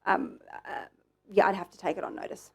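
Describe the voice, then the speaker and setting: An Australian woman giving careful testimony as a witness, hesitant and repeating her words. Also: a little fast. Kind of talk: formal testimony.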